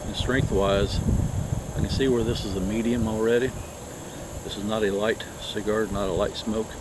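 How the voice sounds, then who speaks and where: A man chatting casually and haltingly through a cigar review, rambling from one thought to the next. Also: fairly even intonation. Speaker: cigar review vlog host. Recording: noisy low-quality mic, outdoor insects and traffic.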